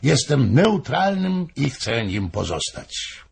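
Guy reading a book doing a stubborn old courtier, firm, slow, gravelly. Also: mid-range voice, very animated, voice pushed up, exaggerated voice. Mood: amused. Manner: firm, refusing.

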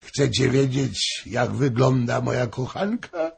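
A man voicing a drunk, boastful male courtier who gushes loudly. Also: mid-range voice, big pitch swings, slow pace, vocal fry, breathy edge, voice pushed up, heavily acted. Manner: exclaiming, gushing.

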